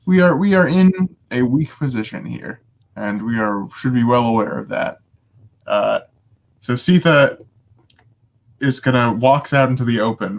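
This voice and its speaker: Casting: male tabletop player, average pitch, deliberate casual narration of character moves.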